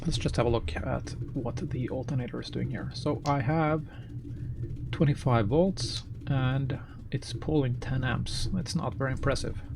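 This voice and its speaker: A man giving casual pilot commentary, halting and thinking aloud as he works through checks. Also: mid-range voice, vocal fry. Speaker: flight simulator pilot and host. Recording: loud engine-like noise behind voice. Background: loud vehicle ambience.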